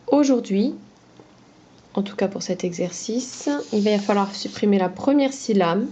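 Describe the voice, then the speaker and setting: A woman's voice: medium pitch, warm tone, slight background noise. A woman schoolteacher giving a phonology lesson to young children, carefully sounding out each syllable. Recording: dull lo-fi recording.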